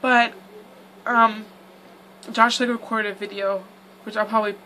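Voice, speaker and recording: A woman's voice: fairly high pitch, little pitch movement, measured pace, sharp tone, slight background noise, low-quality recording. A young woman vlogger telling a casual storytime in a chatty, rambling way full of "like" and "um".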